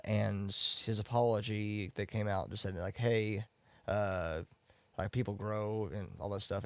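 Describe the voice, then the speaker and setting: A man's voice: fairly low pitch, vocal fry, dry recording. A man hosting a streamed debate, explaining his points step by step and working through examples. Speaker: debate host. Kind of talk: casual debate on a livestream.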